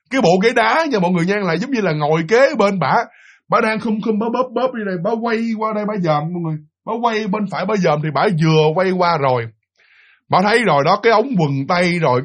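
A man with a Southern Vietnamese accent hosts a casual spoken ghost story, chatting directly with his listeners. His voice sits somewhat high for a man. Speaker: storytelling channel host.

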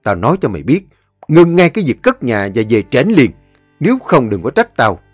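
A man voicing a domineering older brother who shouts harshly. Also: mid-range voice, wildly swooping pitch, normal speed, dry recording, soft background music. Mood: furious.

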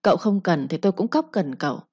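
A woman's voice: on the low side, expressive, fast talker, a little mellow, slightly rough, dry recording, dull audio. A woman reading a proud young wife. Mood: earnest.

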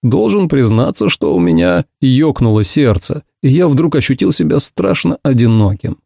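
A man's voice: medium pitch, very animated, moderate pace, creaky, warm tone, no room sound. A man narrating an audiobook in a dry, ironic manner.

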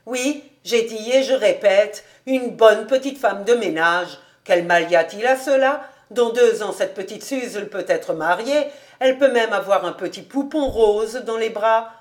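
A woman reading an audiobook, voicing an excitable, argumentative old village rabbi in a loud, indignant manner. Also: high-pitched, normal speed, few pauses, voice pushed up, lightly acted. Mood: fond. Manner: loud, indignant, mocking laughter.

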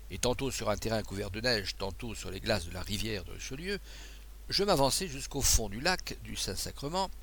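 A male reader as a self-assured officer with a teasing, brisk delivery and a gravelly edge. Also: fairly low pitch, pushed and bright, a little hiss or hum, heavily acted. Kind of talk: audiobook dialogue.

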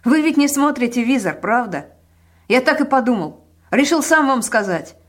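Woman doing a cocky cop, blunt and loud, husky edge, pitched up. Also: expressive, normal speed. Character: brash grinning male police officer.

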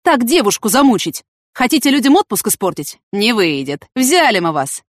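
A woman voicing a loud, mocking male police lieutenant who shouts accusations. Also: on the high side, very animated, normal speed, no echo, studio quality, voice pushed up. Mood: mocking, shouting.

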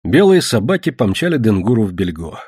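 A man reading a novel aloud as narrator, in steady, expressive storytelling. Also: fairly low pitch, a little fast, slightly rough, no room sound, clean studio sound. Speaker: audiobook reader. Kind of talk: scripted literary narration.

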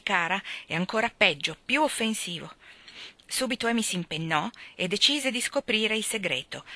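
A woman reading a classic novel aloud in a lively, expressive storytelling manner. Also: fairly low pitch, dry recording. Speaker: audiobook reader.

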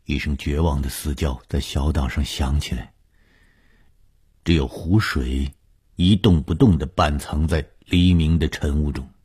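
A man narrating a suspense story for radio, reading dramatically and dropping to a hush in tense passages. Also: extremely low pitch, fairly even intonation, unhurried, breathy edge.

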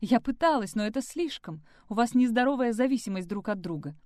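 Woman voicing a hot-tempered young fiancée, sharp and heated, dry close sound. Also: mid-range voice, big pitch swings, normal speed, dry recording, natural voice.

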